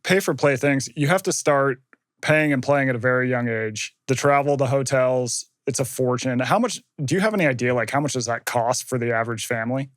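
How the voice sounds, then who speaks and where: Male podcast host, curious interviewer, mid-pitch, very dry recording. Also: brisk, no room sound. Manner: curious, asks questions with restarts.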